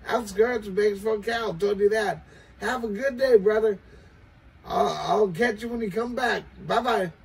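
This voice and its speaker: A high-pitched, gravelly older American man operates a CB radio, calling out repeated catchphrases and chanting repetitive sign-offs. He is indoors in a small, cluttered home radio shack, talking into a desk CB mic while a faraway camera records him with some background noise.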